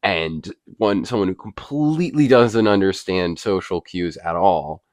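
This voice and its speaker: A man's voice: sits low, lively intonation, a little slow, darkish tone, no echo, clean studio sound. A man co-hosting a casual movie discussion, earnestly explaining his view at length. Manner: defends his view with analysis. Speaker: co-host.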